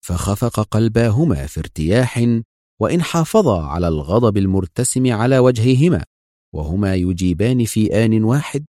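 A man narrating an adventure novel in a measured, storytelling manner. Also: on the low side, big pitch swings, dark tone, no room sound, clean studio sound. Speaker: audiobook narrator.

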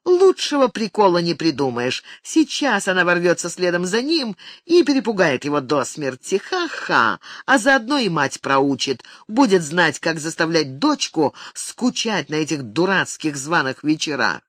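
An audiobook narrator reading a novel aloud, with expressive, animated delivery. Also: mid-range voice, a little slow, dry recording, studio quality. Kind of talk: scripted narration.

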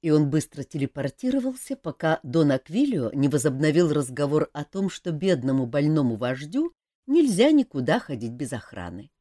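Low-voiced woman reading a story. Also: very animated, normal speed, warm tone, dry recording, clean studio sound. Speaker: audiobook reader. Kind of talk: scripted narration.

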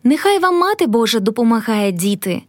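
A woman reading the part of a gentle, humble old peasant woman who speaks meekly and kindly. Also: fairly high pitch, very animated, fairly quick, dry recording. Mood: meek pleading. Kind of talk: audiobook character reading.

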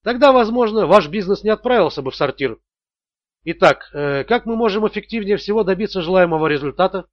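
A man's voice: high voice, lively intonation, a little fast, no room sound, highs cut off. A man voicing a menacing, mocking male extortionist in an audiobook thriller, cool and sneering. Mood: coolly menacing. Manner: coolly mocking, bursts into screams. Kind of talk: audiobook character voice.

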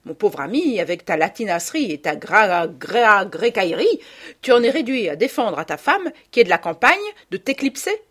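A woman's voice: fairly high pitch, lively intonation, moderate pace, husky, pitched above the performer's own voice. Woman voicing a scolding proud mother. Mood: bitter. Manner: indignant, scolding. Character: proud, quarrelsome provincial mother, bitter and scolding.

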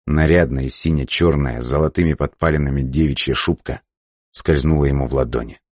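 A man reading an audiobook in slow, measured, somber scripted narration. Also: extremely low pitch, darkish tone, dry recording, studio quality.

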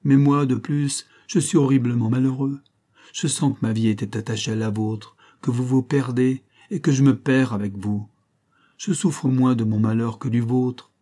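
A man's voice: medium pitch, steady tone, moderate pace, mellow, natural voice. A man reading aloud and voicing a heartbroken young man with impassioned, anguished outbursts.

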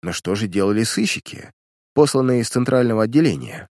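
A calm, dry-spoken detective voiced by a man reading aloud, curt and businesslike. His intonation still moves a lot, and the recording is dry and close. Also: medium pitch, fairly quick, dry recording, lightly acted.

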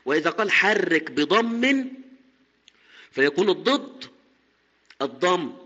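Bright-voiced male teacher, slow and repetitive. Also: sits high, big pitch swings, in a large hall, highs cut off. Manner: explains step by step, repeating key terms; chants quoted verses slowly. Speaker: teacher of Quran recitation. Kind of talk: recorded lesson explaining verse.

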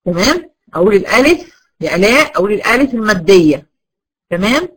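A woman's voice: mid-range voice, big pitch swings, quick pace, breathy edge, poor audio. A woman with an Egyptian accent teaching a class of girls, posing questions and answering them herself while drilling each point again and again. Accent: Egyptian Arabic. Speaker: Quran recitation teacher.

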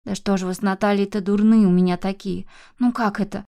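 A woman's voice: mid-range voice, normal speed, darkish tone, natural voice. A woman voicing an anxious old grandmother who scolds and laments over her granddaughter. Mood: distraught. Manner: agitated, lamenting, exclamatory.

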